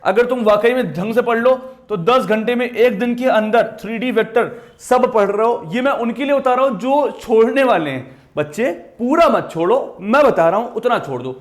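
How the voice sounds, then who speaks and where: Very high-voiced man teaching maths. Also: expressive, moderate pace, hardly any pauses. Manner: emphatic, repetitive, addresses students directly. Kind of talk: exam-prep lesson.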